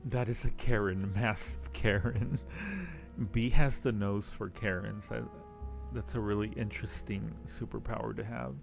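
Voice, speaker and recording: Speaking at a measured pace with a steady tone, this fairly low-pitched man has some vocal fry. He's live streaming a game, voicing its text and chatting casually with his audience as he thinks aloud, with music in the background.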